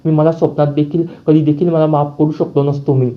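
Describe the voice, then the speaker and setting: A man's voice: a little high, level tone, brisk, close to an everyday voice. A man voicing an indignant, loyal young male servant who scolds a schemer, on dull lo-fi audio. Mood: apologetic.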